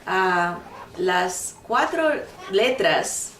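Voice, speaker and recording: A woman's voice: fairly low pitch, animated, extremely slow, a bit bright, a little hiss or hum. A woman teaching a Bible lesson in an earnest, emphatic way, often repeating her points. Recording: echoey room, mic at a distance.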